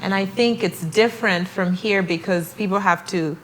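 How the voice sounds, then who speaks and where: A woman's voice: medium pitch, normal speed, rough recording. A young woman from Malawi, speaking reflectively as an interview guest. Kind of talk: casual interview conversation.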